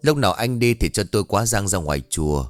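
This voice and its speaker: A man voicing a bossy, spiteful old mother-in-law who shouts and hisses insults at her daughter-in-law. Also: lowish voice, lively intonation, fast talker, dry recording, soft background music, lightly acted. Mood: scolding. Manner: harsh, shouting, hissing insults.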